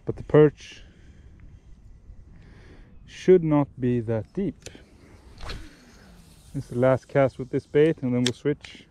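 Young man, mellow voice. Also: mid-range voice, slow, pauses often, slight background noise. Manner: relaxed, explanatory, with frequent restarts and self-corrections. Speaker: fishing vlogger. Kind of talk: casual instructional talk while fishing. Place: outdoors by a lake.

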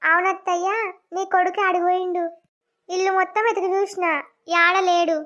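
A blunt, sharp-tongued young wife from a village cartoon, voiced by a woman. She speaks with a very high, piercing voice. The audio is dull and lo-fi. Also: little pitch movement, fairly quick. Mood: polite. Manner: scolding, blunt village speech.

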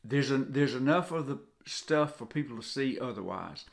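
Speaking from an indoor home kitchen, this co-host of a devotional video is a Southern US man aged 60 or older. His mid-range voice carries vocal fry, lively intonation, and a moderate pace as he talks informally and earnestly, repeating phrases to drive points home.

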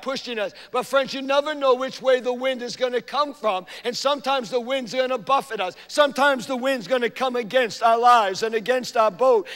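Male pastor, high-pitched, dynamic preaching delivery, church reverb. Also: clear, resonant tone. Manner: preaching with big swings from hushed to loud. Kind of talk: sermon. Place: church sanctuary.

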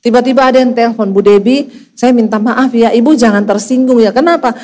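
A middle-aged woman pastor, preaching a storytelling sermon and acting out each voice with big pitch swings. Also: fast, a little mellow. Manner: acts out dialogue with dramatic pitch swings.

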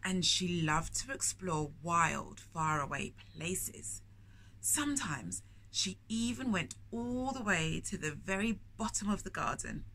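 Over a rough recording with clear shop ambience behind her, a middle-aged woman from London reads a picture book at a bookshop storytime, slowly and with lively intonation. Her lowish voice is bright and forceful, and she chats with the young listeners and asks them questions along the way.

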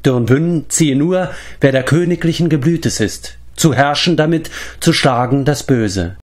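A man putting on a wise old bard from a fantasy storybook, raised a little in pitch. He speaks in a measured, reflective manner, like one recalling old songs.

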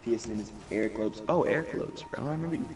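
A young male gaming streamer with a lowish voice talks quickly, reading his viewers' chat aloud in hyped, slang-heavy casual speech. The mic sits at a distance, buried under loud game music.

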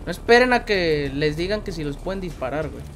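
A man's voice: a little high, expressive, a little fast, a crowd in the background. A man with a Mexican accent leading a game squad in casual, slangy chat, barking repeated call-outs. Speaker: gamer leading a raid squad.

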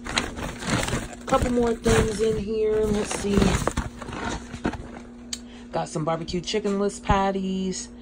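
A woman chatting excitedly in a casual grocery haul vlog from a small home kitchen, with many ums along the way. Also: medium pitch, slow pace, long pauses, heavy background noise. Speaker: vlogger.

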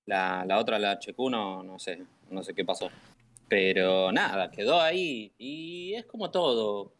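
A man's voice: fairly low pitch, lively intonation, a little slow, fairly bright tone. A man with a Rioplatense Spanish accent, chatting casually and rambling about a game over voice chat. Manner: rambling, repeats "¿me entendés?". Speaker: gamer chatting with a streamer.

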